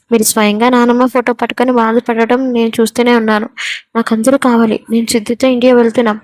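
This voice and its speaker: A woman's voice: a little high, a little mellow, no echo, poor audio. A woman narrating a romance story, reading all the characters' lines in her own voice.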